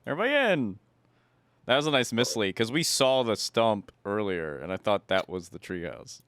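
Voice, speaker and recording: A man playing a video game with friends, chatting casually, reading lines aloud and breaking into excited, jokey outbursts. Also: on the low side, moderate pace, clear, resonant tone, no room sound. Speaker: let's play gamer. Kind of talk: casual gameplay chat, reading dialogue aloud.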